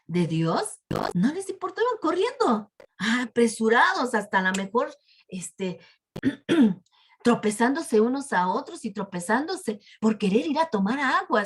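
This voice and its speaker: A woman's voice: on the high side, breathy edge. A woman telling a Bible story to children, animatedly addressing them directly.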